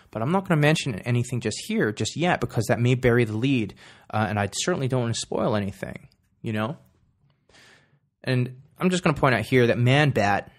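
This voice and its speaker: A young man hosting a podcast, chatting through a story recap with enthusiasm, frequent fillers and some swearing. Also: mid-range voice. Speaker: podcast host.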